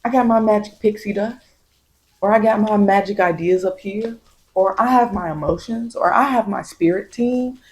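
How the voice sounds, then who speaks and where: Speaking at a moderate pace and medium pitch, an American tarot reader gives gentle ASMR spiritual guidance. She meanders and repeats comforting phrases to put the listener at ease.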